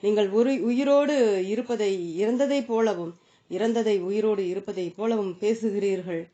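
A woman's voice: medium pitch, moderate pace, mellow, dull audio, lightly acted. A woman reading the questions of an earnest seeker, in a plain, questioning way.

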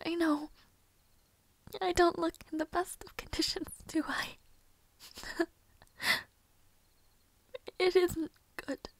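In an intimate audio roleplay, a woman voices a young maid in full character: very high-pitched and breathy, devoted and fragile, speaking very slowly in halting, tender half-whispers. Her mood is weary yet reassuring, and the sound is close and dry.

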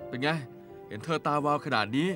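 A man's voice: fairly quick, bright, forceful tone, soft background music, close to an everyday voice. A man dubbing a sly cook who dodges a friend's questions and bullies a young shopkeeper, in a Thai TV drama dub. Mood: evasive. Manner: evasive with friends, cold and bossy in business. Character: sly cook and dealer, teasing then menacing.

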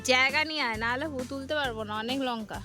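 Chatty woman home vlogger with a high voice, talking to viewers over background music. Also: rapid-fire, poor audio. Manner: chatty, addresses viewers as friends; instructs a small child while picking vegetables. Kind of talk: casual home vlog. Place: home and garden.

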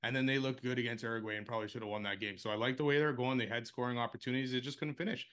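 A man's voice: medium pitch, fairly even intonation, very fast, a bit bright. A man co-hosting a casual sports podcast, easygoing and often hesitant as he thinks aloud. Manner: easygoing, hesitant with many uh fillers. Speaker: podcast co-host.

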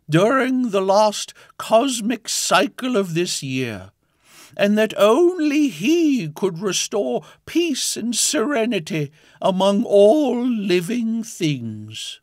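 A man voicing a solemn mystical animal oracle in an animated fantasy tale, speaking in a portentous, trance-like prophetic manner with dramatic pauses. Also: high-pitched, no echo, studio quality, full character voice. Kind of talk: scripted animated fantasy storytelling.

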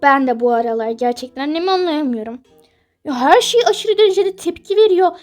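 A woman's voice: high voice, expressive, brisk, a little mellow, soft background music. A woman voicing a sympathetic teenage best friend in a toy-game role-play, soothing and reassuring.

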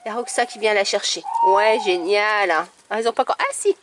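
A woman's voice: a little high, big pitch swings, rapid-fire, background noise. A woman breeding dogs, chatting casually to camera outdoors by a kennel and cooing affectionately at her puppies. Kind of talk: casual vlog narration.

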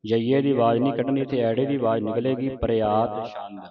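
A man teaching pronunciation line by line. He chants each verse slowly and then explains quickly how to say it. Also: mid-range voice, flat delivery, phone-quality sound, crowd noise. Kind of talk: line-by-line recitation lesson.

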